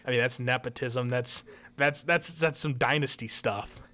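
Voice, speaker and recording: A man's voice: medium pitch, moderate pace, pushed and bright. Joking young man talking college football. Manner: joking, restarts often. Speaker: co-host. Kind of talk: casual sports talk.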